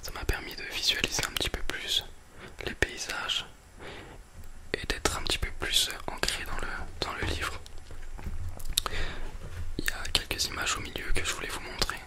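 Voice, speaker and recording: A person speaking in a soft, breathy library whisper, presenting a book and film as an ASMR host close to a binaural microphone. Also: moderate pace, pauses often.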